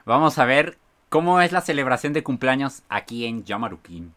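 A Mexican man streaming a game and chatting with his viewers. His voice is bright and forceful, and his pitch swings widely. He often bursts into high shrieks and laughs. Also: lively intonation, normal speed. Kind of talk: excited gameplay commentary, reading chat aloud.

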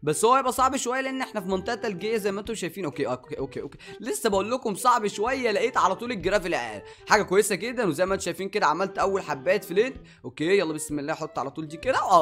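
Rapid-fire Egyptian gaming YouTuber. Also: male voice, high voice, fairly bright tone. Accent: Egyptian Arabic. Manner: playful, teasing, laughs often. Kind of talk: excited gameplay commentary.

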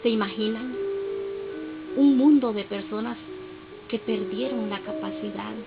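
Honduran woman poet, measured and solemn, stage podium mic, muffled camera sound under loud music. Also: on the high side, steady tone. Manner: slow, solemn and declamatory. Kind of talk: poetry recital speech. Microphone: podium mic, camera far off in the hall.

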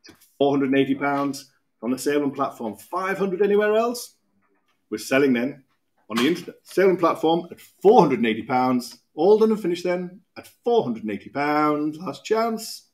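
Auctioneer, British man, thirties, brisk repetitive bid calling from a lectern, voice sitting a touch high. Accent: British English. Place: auction room podium, indoors.

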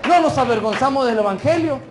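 A man's voice: sits high, moderate pace, a little hiss or hum. A man with a Mexican accent preaching a fervent sermon as pastor, often addressing the congregation as brothers and checking in with "right?". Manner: conversational, asks "right?" after points.

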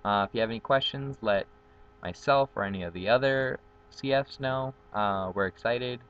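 In his self-introduction vlog, a young adult Guatemalan who speaks Spanish natively and serves as a college dorm community facilitator sounds chatty and upbeat, with many ums. He's filmed close on a built-in webcam mic outdoors, on a patio with trees. His medium-pitched voice is fairly bright and at a normal speed, but the recording is muffled with slight background noise.

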